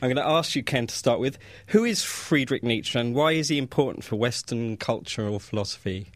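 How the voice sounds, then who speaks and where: A man's voice: medium pitch, lively intonation, a little fast, dry recording. A man hosting a radio show, introducing his guest and asking questions conversationally. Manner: conversational, brief affirming replies. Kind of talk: radio interview. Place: radio studio.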